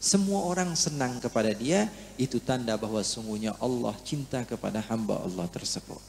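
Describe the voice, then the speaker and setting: A man's voice: medium pitch, moderate pace, vocal fry, a little hiss or hum. A man in his thirties from Indonesia, preaching a sermon, telling stories and reciting Arabic scripture with swelling emphasis. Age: 30s.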